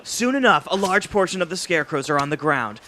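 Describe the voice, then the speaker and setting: Guy reading stage directions at a live read, higher bright voice, brisk. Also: expressive, slight background noise. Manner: brisk reading with small slips and restarts. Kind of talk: live script read-through.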